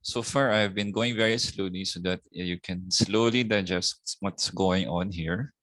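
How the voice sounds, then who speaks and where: A middle-aged man with a Filipino accent giving a slow anatomy lecture, often ending points with a questioning "no?". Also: sits low, a bit bright, dry recording. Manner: slow, repetitive teaching with tag "no?". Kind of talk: recorded lecture.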